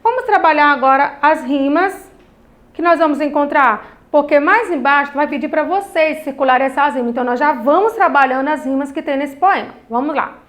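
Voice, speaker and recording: A woman with a high, bright-toned voice leads a lesson for young children. She talks in a sing-song teacherly way and slows right down to stretch out each line of verse as she reads it aloud. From Brazil. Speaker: primary school teacher. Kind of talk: online class for children.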